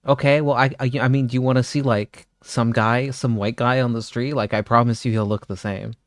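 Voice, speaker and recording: A man's voice: mid-range voice, steady tone, brisk, no room sound. Profane joking streamer guy, dry close sound. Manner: profane, riffing jokes to chat. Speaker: live streamer. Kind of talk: casual reaction chat.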